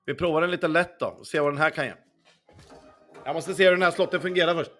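On this casual casino stream, a young man answers his chat mid-game, swearing freely and humming with the faint music in the background. His voice runs on the high side with a bit of brightness.

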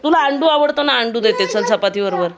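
Coaxing mum over loud household noise. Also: female voice, a little high, animated, brisk. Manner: coaxing, chiding and soothing children, then confiding to camera. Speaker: family vlogger and mother. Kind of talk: casual home vlog chat. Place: at home.

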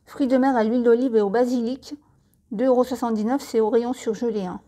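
A French woman presents a supermarket catalogue, running through products and prices with friendly tips and asides. Her slightly high voice is steady and dark in tone, and she speaks fairly quickly.

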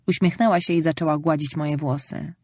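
A woman narrating a novel in the first person, calm and measured, in a studio. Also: low-pitched, no echo. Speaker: audiobook narrator.

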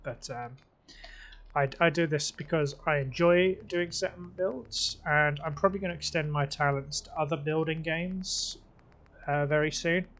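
A man's voice: on the high side, normal speed, a bit bright. Chatty British man musing over a game build. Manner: chatty, musing, talks himself through choices. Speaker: let's play host. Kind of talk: casual gameplay commentary.

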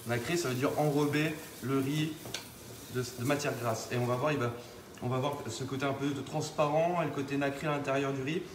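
A man's voice: medium pitch, fairly even intonation, a little fast, echoey room, distant mic, background noise. A man with a Vosges accent, a chef doing a live cooking demonstration who jokes and teases the audience. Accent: Vosges French. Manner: joking, teasing audience. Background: sizzling pan.

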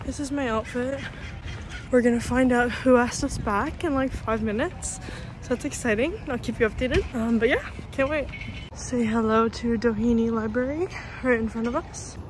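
A woman's voice: on the high side, moderate pace, noisy background. A young woman chatting casually to her vlog in a girlish way, peppering her sentences with "like". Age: young adult. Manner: chatty, girlish, heavy use of "like". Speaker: vlogger, college student in sorority recruitment. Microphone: phone at arm's length or propped nearby.

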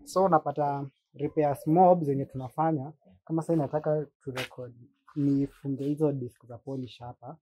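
A man's voice: mid-range voice, steady tone, moderate pace, dark tone, rough recording. A man with a Kenyan accent chatting and demonstrating products in an informal, slangy way, switching between languages. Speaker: content creator and machine seller. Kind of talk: casual chat and product demonstration.

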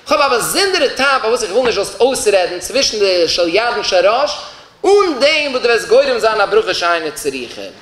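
A man's voice: high voice, sing-song, moderate pace, fairly bright tone. A man, a rabbi, giving a religious law lecture and explaining points by posing questions and then answering them. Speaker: rabbi teaching a Torah class. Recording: roomy echoey room.

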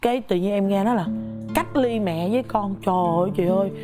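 A woman's voice: medium pitch, quick pace, music in the background. A young woman, animatedly telling a story on a talk show, acting out voices and laughing often. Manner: lively, laughs often, acts out quoted voices. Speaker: guest mother telling her birth story.

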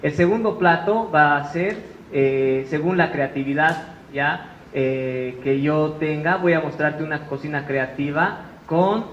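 A man with a Bolivian Spanish accent speaks as a chef at a conference, chatty and storytelling, his voice sitting a little high. He was recorded in a roomy hall. The sound is muffled, with faint noise underneath. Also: unhurried. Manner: chatty storytelling, tag questions. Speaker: chef giving a talk. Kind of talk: conference talk. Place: conference room.

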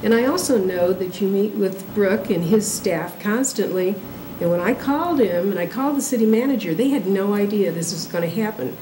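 A woman's voice: mid-range voice, animated, normal speed. A woman on a city council pressing a presenter firmly on transparency. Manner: firm, pointed. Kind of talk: questioning at a public council meeting. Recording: echoey noisy council chamber.

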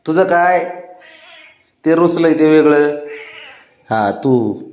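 Man coaxing a sulking cat, slow and lively. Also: fairly high pitch, reverberant. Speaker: pet owner coaxing his cat. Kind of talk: casual home video talking to a pet.

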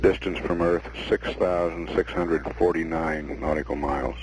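Very deep-voiced male mission announcer, noisy. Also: fairly even intonation. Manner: measured, matter-of-fact delivery. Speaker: mission control public affairs announcer. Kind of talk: mission status commentary. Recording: noisy 1960s mission broadcast audio.

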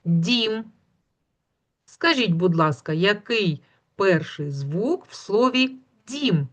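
A woman teaching a phonics lesson to young children, patient and slow, drawing out the sounds and praising often. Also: mid-range voice, very animated. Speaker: kindergarten teacher.

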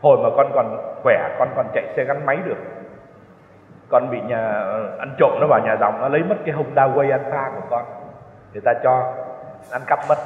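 An older male priest with a mid-range voice gives a retreat sermon full of personal anecdotes, telling them chattily and chuckling at his own stories. He's in a large church, and the recording of the echoey hall sounds tinny and lo-fi.

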